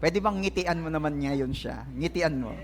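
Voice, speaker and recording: A man's slightly high voice comes through background noise as he preaches a lively sermon in a church hall, trading playful jokes with the congregation. He speaks at a moderate pace as pastor, while the faint crowd laughs and responds.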